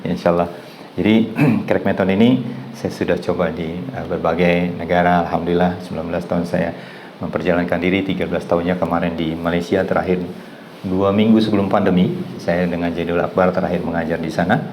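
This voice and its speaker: A man's voice: low voice, fairly even intonation, a little fast, a little mellow, a little hiss or hum, low-quality recording. A middle-aged man teaching a massage class, telling anecdotes and acting out the voices of the people in them. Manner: anecdotal, acts out quoted voices with laughs. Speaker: massage therapy instructor. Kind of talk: storytelling lecture to a class.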